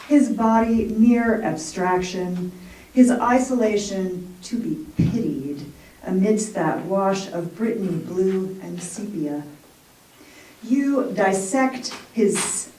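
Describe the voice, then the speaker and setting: A woman's voice: mid-range voice, warm tone. A woman poet and college English professor reading her poems, with casual, self-deprecating asides between them. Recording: roomy echo, mic far off.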